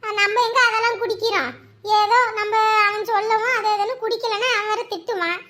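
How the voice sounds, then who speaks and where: Woman as shrill, chatty neighbour, cartoon. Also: fairly even intonation, a little fast, bright, forceful tone. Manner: gossipy, sympathetic rambling.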